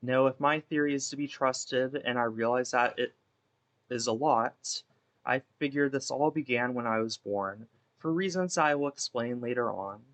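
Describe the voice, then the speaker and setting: A man playing a guilt-ridden, imprisoned female ex-baseball pitcher in a wistful, theatrical dramatic monologue that rambles and interrupts itself. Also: normal speed, a bit bright, natural voice. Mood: grim, confessional.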